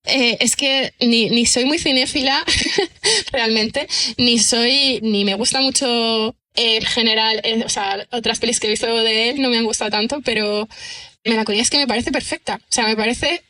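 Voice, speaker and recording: This podcast guest, a writer and screenwriter, has a slightly high voice with a bright, forceful tone, fairly even intonation, and normal speed. She answers interview questions casually, chatting away, poking fun at herself, musing aloud, and often checking in with the listener.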